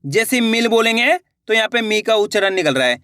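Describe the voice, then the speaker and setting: A young man teaching Hindi reading in an online lesson, slowly sounding out syllables, patiently repeating words and asking the listener questions. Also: sits high, animated, sharp tone, no echo, clean studio sound.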